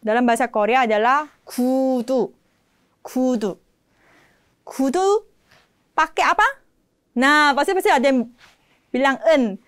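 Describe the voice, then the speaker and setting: Woman teacher, high bouncy voice, says phrases slow and clear for students, very dry close sound. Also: dry recording. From Indonesia. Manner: lively, repeats phrases slowly and clearly for learners. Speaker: Korean language teacher. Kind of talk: online language lesson.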